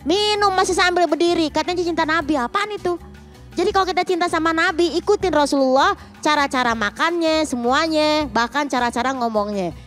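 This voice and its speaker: Woman TV preacher, high bright voice, jokey and animated, soft music under her. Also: a little fast. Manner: playful, acts out quoted voices loudly. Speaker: guest preacher. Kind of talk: lively comic religious talk.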